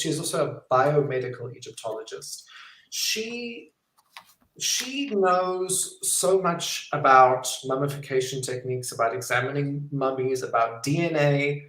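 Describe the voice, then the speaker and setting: A documentary filmmaker answering interview questions in a friendly, chatty way, with frequent ums. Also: male voice, on the high side. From South Africa. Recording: roomy echo.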